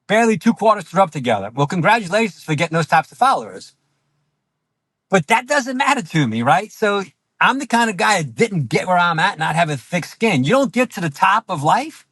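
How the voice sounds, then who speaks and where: A self-assured man giving opinions bluntly as an interview guest, often checking his points with a quick tag question. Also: sits high, fairly bright tone, dry recording, low-quality recording. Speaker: interview guest, boat owner.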